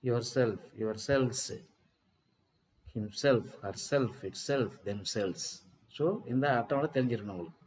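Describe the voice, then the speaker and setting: A man's voice: on the high side, rough recording. A man with a Tamil accent teaching an English grammar lesson, mixing in Tamil and often asking students if they follow. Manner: switches between Tamil and slow, deliberate English. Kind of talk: exam-prep grammar lesson.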